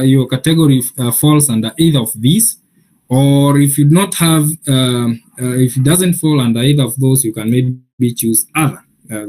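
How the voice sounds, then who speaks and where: A Kenyan man with a mid-range voice runs a software training session, patiently walking through each step with lots of pauses and filler sounds.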